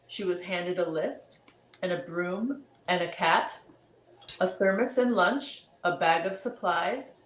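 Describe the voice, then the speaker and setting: A woman reading a rhyming picture book aloud to children, with chatty asides to the kids. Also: mid-range voice. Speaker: storybook reader. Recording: roomy echo.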